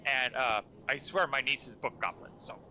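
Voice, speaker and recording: A man's voice: medium pitch, normal speed, sharp tone, soft background music, rough recording. A man streaming a co-op game, chatting casually and teasing in a playful put-on Russian accent. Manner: joking, teasing banter. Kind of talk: casual gaming chat.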